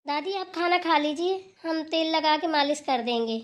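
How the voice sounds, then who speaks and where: A woman voicing a meek young village daughter-in-law in a cartoon, speaking softly and politely. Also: high-pitched, moderate pace, close to an everyday voice. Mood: eager. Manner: soft, obedient, polite. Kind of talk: cartoon voice acting.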